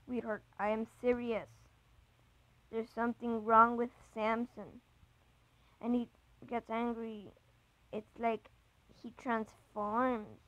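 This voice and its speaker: A woman's voice: fairly high pitch, little pitch movement, slow, long pauses, a bit bright, no echo, dull audio. A woman voicing David, a frightened young man. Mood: hesitant. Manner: hesitant, stumbling. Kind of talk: reading a chat story aloud.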